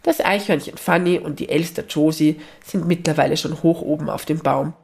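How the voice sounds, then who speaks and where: A woman hosting a podcast and reading a children's advent story in a calm, gentle way. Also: low-pitched, normal speed, creaky.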